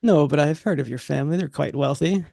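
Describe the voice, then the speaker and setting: A man running a tabletop horror game, speaking for a university official in a relaxed, conversational way. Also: a little high, fast talker, gravelly, no room sound, clean studio sound. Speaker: game master. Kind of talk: narrating and voicing characters in a tabletop game.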